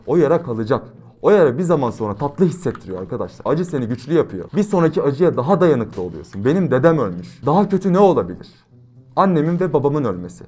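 Brash young man with lively pitch. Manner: brash, slangy, swings from loud outbursts to quiet musing. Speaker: gaming YouTuber. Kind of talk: gameplay commentary with motivational talk.

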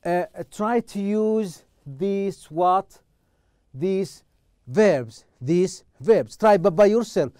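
Guy teaching english, slow and repetitive, dry close mic. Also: high voice, animated, a little mellow, smooth, no room sound. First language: Arabic. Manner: slow, repeats words and drills pronunciation. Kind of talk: recorded classroom lesson.

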